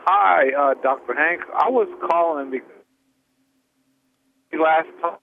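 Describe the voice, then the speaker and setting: A man calling in to a talk show over a crackly cell phone line that keeps fading in and out, his words halting and cut off. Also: a little high, vocal fry. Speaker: caller. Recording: tinny breaking-up cell phone line with faint hiss.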